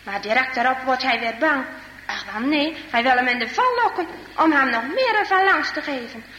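A woman reading a children's story aloud with expressive, dramatic storytelling, in an echoey hall with faint noise. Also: sits high, moderate pace, muffled recording.

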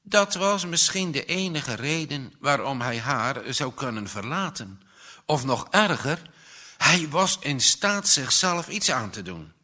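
Slow bright male storyteller. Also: medium pitch, sing-song. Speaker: narrator. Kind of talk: audiobook reading.

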